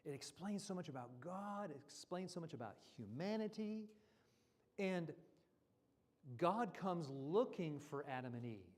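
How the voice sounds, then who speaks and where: A man's voice: on the high side, a little slow. A man speaking at a church seminar in a conversational teaching style, now and then acting out quoted voices. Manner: animated, acts out quoted voices. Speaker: guest speaker. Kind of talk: seminar talk. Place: church hall.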